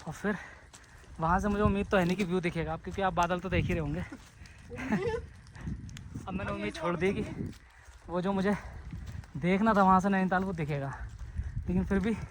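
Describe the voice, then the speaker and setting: A man with a high voice chats casually to his viewers as he treks up a foggy hill trail. He is recorded on a handheld camera mic, with clear outdoor noise behind him. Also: steady tone, a little fast, long pauses. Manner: chatty, talks to viewers while trekking. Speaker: travel vlogger. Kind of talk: casual vlog narration to viewers. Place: outdoor hill trek in fog.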